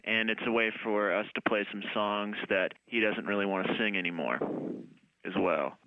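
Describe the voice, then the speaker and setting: A lower-pitched man answers questions in a radio interview, relaxed and wordy with lots of fillers. The sound is dry and dull, like a muffled call-in line. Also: normal speed, no room sound. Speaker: band member, radio interview guest.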